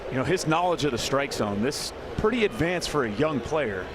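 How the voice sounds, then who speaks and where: Mid-pitched American man, conversational baseball analyst. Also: big pitch swings, moderate pace, noisy background. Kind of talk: live analytical sports commentary.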